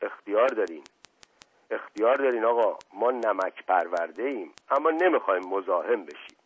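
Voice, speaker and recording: A man's voice: lowish voice, lively intonation. A man doing a coarse, indignant butcher. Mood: humble. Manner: rough, slangy and indignant. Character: coarse hot-tempered male butcher, street slang. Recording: tinny phone-like audio.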